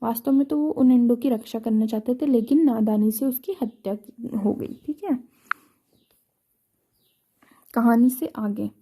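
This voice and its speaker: A woman teacher with a Hindi accent goes through a textbook chapter line by line. Her voice sits a little high but is very dark and mellow. She pauses, restarts and checks in with the class as she explains. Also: breathy edge. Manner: retells each line then explains it, many restarts and "ठीक है". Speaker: school teacher.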